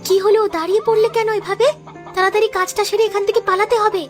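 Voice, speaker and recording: A woman's voice: very high voice, level tone, music in the background. A woman voicing a sly, bossy village woman in a cartoon, plotting and hurrying her partner along. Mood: scheming. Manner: conniving, bossy, quick. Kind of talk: cartoon dubbing.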